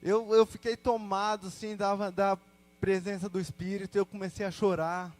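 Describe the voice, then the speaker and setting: A young Brazilian man with a notably high voice shares his faith story before a congregation. He talks casually, full of slang, and breaks into quick quoted asides as he goes. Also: little pitch movement. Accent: Brazilian Portuguese. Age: young adult. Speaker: church testimony speaker. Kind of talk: personal testimony to a congregation.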